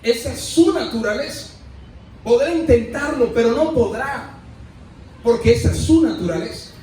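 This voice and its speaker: A male pastor, preaching a sermon in a deliberate storytelling manner. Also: very high-pitched, animated, warm tone, a little hiss or hum. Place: church. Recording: echoey church hall, distant mic.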